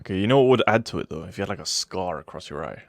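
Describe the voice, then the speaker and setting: A man's voice: low-pitched, animated, rapid-fire, vocal fry, no room sound, clean studio sound. A young British man co-hosting a casual podcast chat, laid-back and reasoning things through. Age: young adult. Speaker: podcast co-host.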